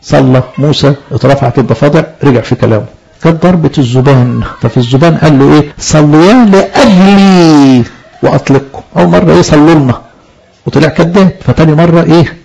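A man's voice: on the high side, racing, creaky, mellow, a little hiss or hum. A man preaching a sermon in an Egyptian Arabic accent. He stresses his points and asks the listeners questions, then answers them himself. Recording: dull lo-fi recording.

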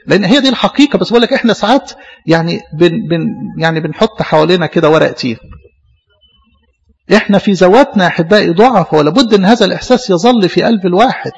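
Husky Egyptian priest preaching in church. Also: male voice, high voice, long reverb tail. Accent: Egyptian Arabic. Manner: conversational preaching, acts out dialogues. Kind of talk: sermon.

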